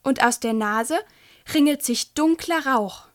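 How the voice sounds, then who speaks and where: A woman reading a children's book aloud and talking gently to young listeners. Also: high voice, slow pace. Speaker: storyteller.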